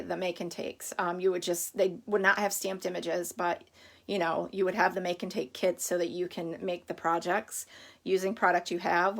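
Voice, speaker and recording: A woman's voice: mid-range voice, gravelly. A middle-aged woman hosting a casual live craft stream, chatty and rambling, greeting viewers by name while she has the hiccups.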